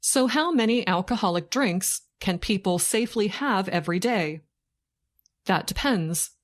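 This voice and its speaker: A woman narrates a scripted news report for learners slowly and deliberately, in short phrases with pauses, like a dictation. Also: mid-range voice, lively intonation. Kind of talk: slow scripted learning-English news reading.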